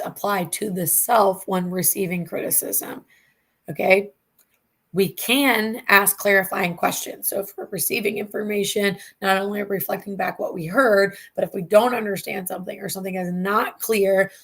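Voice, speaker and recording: A woman's voice: mid-range voice, gravelly, slightly rough. A woman therapist hosting a talk show, teaching in a casual, candid way with frequent asides. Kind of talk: live online talk show.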